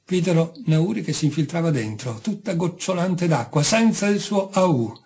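A man reading a short story aloud, calm and measured. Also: on the high side, slightly rough. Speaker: audiobook reader. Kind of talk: scripted narration.

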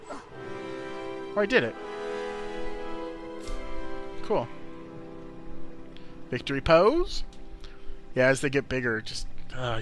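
A man giving casual, rambling gameplay commentary in blunt, slangy, sweary language. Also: medium pitch. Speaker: video game player commentator. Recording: game music under the voice. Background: video game music.

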